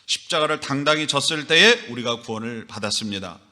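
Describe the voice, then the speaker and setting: A middle-aged man delivers a Sunday sermon as pastor. His voice is very bright and forceful, sitting at a middling pitch. He preaches emphatically, often surging loud and scolding in character. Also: animated, fairly quick.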